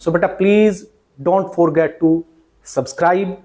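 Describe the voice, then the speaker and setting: A man's voice: sits high, darkish tone. A man with an Indian English accent teaching pronunciation in mixed Hindi and English, calling his viewers "beta" and repeating each word several times. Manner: slow, repeats words many times for drilling.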